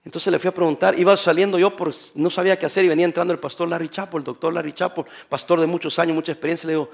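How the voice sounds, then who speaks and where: An older man, a pastor, preaching a sermon, moving from quiet talk to shouting. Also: fairly high pitch, very fast, vocal fry. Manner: animated preaching, swings from soft to shouting.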